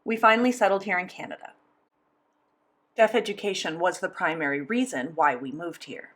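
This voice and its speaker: Speaking as the interpreter in a sign language interview, a woman with a voice on the low side delivers the words steadily and evenly in the first person.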